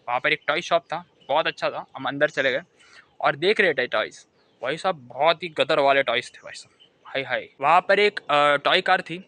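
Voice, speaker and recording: A young man telling a comic monologue to camera, animated storytelling that keeps circling back to a catchphrase. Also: sits high, dry recording. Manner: animated storytelling, keeps repeating "bhai sahab". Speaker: comedy vlogger. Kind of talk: stand-up style comic monologue.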